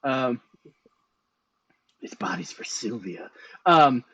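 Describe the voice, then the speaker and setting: A man's voice: medium pitch, sing-song, takes it slowly, creaky, fairly bright tone, voice pushed down, exaggerated voice. A man voicing a naive, anxious living doll in improvised tabletop role-play, hesitant and rambling. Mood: hesitant, unsure.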